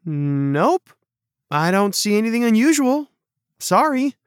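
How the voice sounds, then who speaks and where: A man doing a bold, high teenage girl. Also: very animated, slow, smooth, no room sound, clean studio sound, exaggerated voice. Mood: worried. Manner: high-pitched, blunt and eager. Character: bold, loyal teenage girl, a close friend. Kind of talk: storybook character voice.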